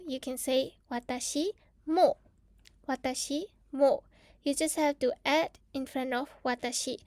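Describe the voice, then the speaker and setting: A woman teaching grammar to learners, patient, repeating phrases slowly and checking in often. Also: sits high, darkish tone, no echo. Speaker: Japanese teacher.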